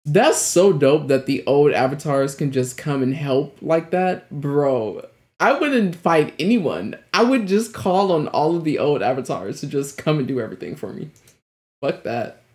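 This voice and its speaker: A man's voice: a little high, very animated, measured pace, a little mellow. A man in his twenties giving casual reaction commentary in a slangy, exclamatory way. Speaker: reaction video host. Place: small indoor room at home.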